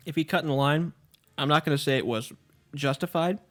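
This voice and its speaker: A man's voice: fairly high pitch, brisk, a bit bright. A man co-hosting a casual podcast, rambling and joking while eating into the microphone. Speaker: podcast co-host. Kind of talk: casual chat. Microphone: studio microphone.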